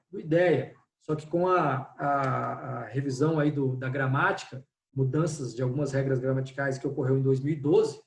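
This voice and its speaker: A man's voice: fairly high pitch, a little mellow. A man teaching an online Portuguese class who explains step by step and often checks in with his students. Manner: explanatory, repeats "né?" and "pessoal". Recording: echoey room, distant from mic.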